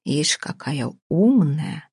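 A woman's voice: mid-range voice, lively intonation, vocal fry, darkish tone, breathy edge, no room sound, clean studio sound. Woman voicing a sardonic domineering older mother. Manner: cutting, sarcastic, slow deliberate delivery.

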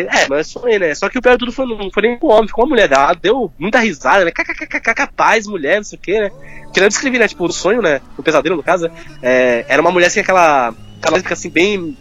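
Fast-talking man, higher voice. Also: expressive, a bit bright, soft background music. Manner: fast, informal, full of fillers like "cara". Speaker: guest. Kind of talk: candid personal conversation.

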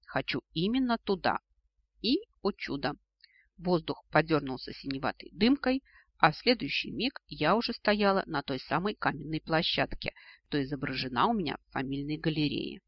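Male audiobook narrator, expressive and ironic, dry lo-fi recording. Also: fairly high pitch, moderate pace, dry recording. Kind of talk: scripted narration.

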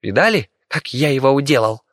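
A man voicing a boastful male rat companion who squeaks shrilly. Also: expressive, brisk, no room sound, studio quality, natural voice. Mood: cocky.

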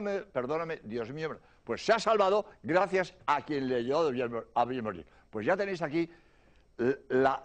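An older man from Spain, a priest giving a religious talk, earnest and repetitive, dropping to a soft murmur for prayers. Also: a little high.

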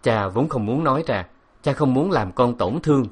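A man's voice: medium pitch, expressive, normal speed, breathy edge. A man voicing an anguished middle-aged father who speaks earnestly and urgently to his daughter in an audiobook story. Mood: grave.

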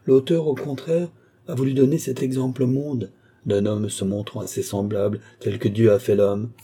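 Man reading as grave old sage, wistful, measured, dark husky voice. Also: mid-range voice, level tone. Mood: emphatic. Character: older male sage, melancholy and suspicious.

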